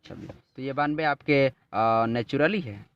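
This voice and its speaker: A male chemistry teacher with a lilt gives a brief classroom lesson to a student, speaking in a smooth, mid-range voice. His explanations are drawn out, and he repeats himself and checks in with "ठीक है". The recording is dull and lo-fi.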